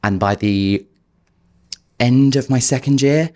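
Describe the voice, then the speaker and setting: A man's voice: mid-range voice, slow. A man, a podcast guest telling his life story candidly and acting out what he once said to himself. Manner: animated, acts out his past self in quotes. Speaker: podcast guest, performance coach.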